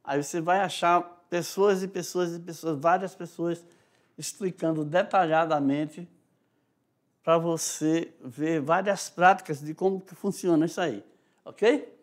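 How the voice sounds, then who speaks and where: A man's voice: on the high side, steady tone, unhurried. A male teacher with a Brazilian Portuguese accent explaining a lesson, checking in often with "tá?" and "né?". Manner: explanatory, frequent "tá?" and "né?" check-ins, demonstrates rhythms aloud. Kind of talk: recorded online class lecture.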